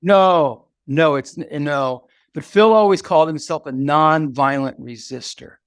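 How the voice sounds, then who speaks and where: Older guy with a gravelly voice telling stories, lots of stops and restarts, dry close sound. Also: fairly high pitch, no echo. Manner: halting, full of restarts and fillers. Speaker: guest, activist mentor. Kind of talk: reflective storytelling in conversation.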